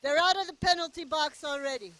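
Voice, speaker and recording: A woman's voice: sits high, fast talker, bright, forceful tone, no echo. A woman doing casual play-by-play commentary at a go-kart race, chatty and cheering the drivers on. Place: outdoor go-kart race track.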